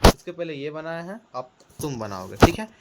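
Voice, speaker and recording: With a voice on the high side and a very animated delivery at moderate pace, a man leads a children's lesson in a small room, loudly and energetically repeating questions to the class and sounding out letters. The recording is very noisy.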